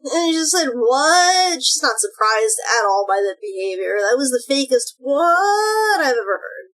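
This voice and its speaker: A woman streamer with a high, girlish voice in the cute anime style. She talks casually, as if chatting while reacting to a video. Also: a little fast, fairly bright tone.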